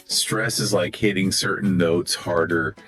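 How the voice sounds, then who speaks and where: A man co-hosting a scripted podcast dialogue, animated and acting out example phrases with big pitch swings. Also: measured pace. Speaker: podcast co-host. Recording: soft music behind the voice.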